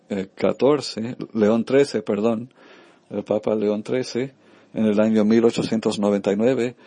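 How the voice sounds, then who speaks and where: Mellow, low-voiced priest, halting and unhurried. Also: male voice, dry recording. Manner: halting, many filler sounds and self-corrections. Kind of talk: informal devotional talk.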